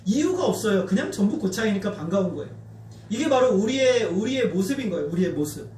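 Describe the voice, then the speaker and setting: A man from North Jeolla preaching a sermon as pastor, animated and acting out quoted voices. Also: high-pitched, quick pace. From Korea, North Jeolla. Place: church sanctuary. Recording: echoey church hall, distant mic, faint noise.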